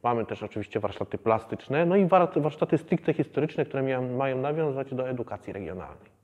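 A man in his thirties, a museum educator, explaining the exhibition in a measured way with many hesitations. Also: mid-range voice, animated, a little mellow, big-room sound, highs cut off. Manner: measured, with frequent hesitation fillers. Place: museum exhibition hall, indoors.

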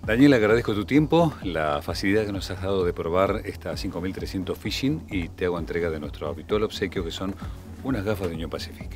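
A man, hosting a boating show, interviewing guests and listing boat specs in a measured way. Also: low voice, soft background music. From Argentina. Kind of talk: interview and presenting.

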